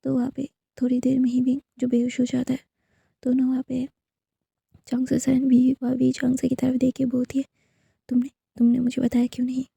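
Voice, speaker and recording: A woman's voice: sits high, monotone, normal speed, creaky, warm tone, slightly rough, no room sound. A woman casually retelling a fan fiction story, rambling with many fillers and repeated narrator tags.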